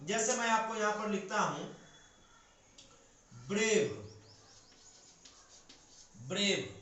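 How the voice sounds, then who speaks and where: Male teacher, high-pitched, patient step-by-step classroom delivery, very echoey room. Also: slow, sharp tone. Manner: explains step by step with questions he answers himself. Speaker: English teacher. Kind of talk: classroom grammar lesson.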